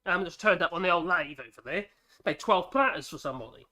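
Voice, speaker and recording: Here a congested middle-aged man, sick with a head cold, talks fast in a high-pitched, expressive voice with a sharp edge. He's the host of a woodworking channel, chatting and rambling with self-deprecating humor in his home workshop. The mic hangs from a clamp on the ceiling.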